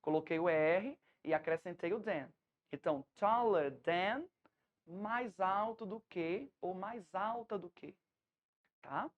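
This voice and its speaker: Brazilian teacher, female, low-set voice, patient step-by-step explainer, slightly muffled lo-fi recording. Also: takes it slowly. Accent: Brazilian Portuguese. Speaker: English teacher. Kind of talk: remote classroom lesson.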